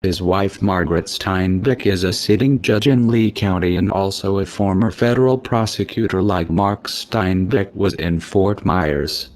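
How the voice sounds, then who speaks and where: Man in a disguised deep voice. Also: unhurried, few pauses, darkish tone. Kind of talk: scripted statement read out.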